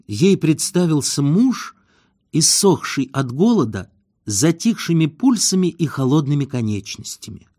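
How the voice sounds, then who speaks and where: Expressive male audiobook narrator. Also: a little high, measured pace.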